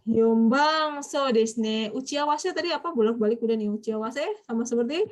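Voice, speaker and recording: A woman teaches a Japanese vocabulary class with a fairly high voice. She keeps quizzing her students and nudges them along when they are slow to answer. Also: faint music behind.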